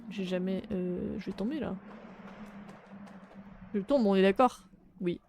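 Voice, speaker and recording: Young adult woman streamer, casual game commentary, mid pitch, talkative with sudden loud outbursts, faint background noise. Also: measured pace. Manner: chatty, swears, sudden loud exclamations.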